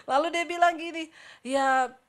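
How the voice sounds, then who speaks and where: A middle-aged woman pastor telling a personal story in a chatty, animated sermon, acting out dialogue and turning to the congregation with questions. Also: high-pitched.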